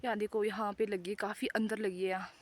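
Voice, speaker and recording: A woman's voice: mid-range voice, flat delivery, quick pace. A young woman vlogging casually in a rambling, chatty way while she walks a hill path outdoors. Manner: chatty and rambling, talks while walking uphill. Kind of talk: casual walking vlog.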